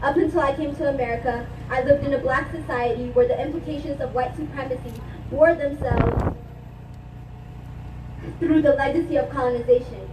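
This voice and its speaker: High-voiced young woman at a rally. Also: steady tone, normal speed. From Ethiopia. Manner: impassioned, declamatory. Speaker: student speaker at a protest rally. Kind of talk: spoken-word protest speech. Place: outdoor protest rally. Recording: echoey, distant, noisy outdoor livestream.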